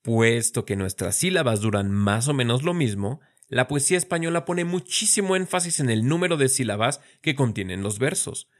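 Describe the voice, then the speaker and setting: A man explaining in a clear, steady voice at a middle pitch. He slows right down to pronounce words syllable by syllable, and now and then drops in a lightly humorous remark. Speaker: teacher. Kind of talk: scripted educational explanation.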